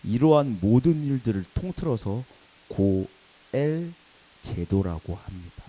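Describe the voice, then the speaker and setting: Young guy preaching to youth group, animated and laughing at his own story, warm kinda husky voice. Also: mid-range voice, slow, low-quality recording. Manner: animated storytelling, laughing at himself, acting out quoted shouts. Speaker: youth pastor. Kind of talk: sermon with personal anecdote. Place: church worship hall.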